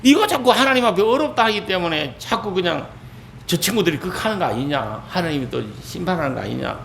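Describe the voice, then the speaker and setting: A man's voice: high voice, expressive, fast talker, vocal fry, a bit bright, slight background noise, exaggerated voice. A man voicing an angry older biblical man who scolds his friends heatedly and emphatically. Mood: angry rebuke.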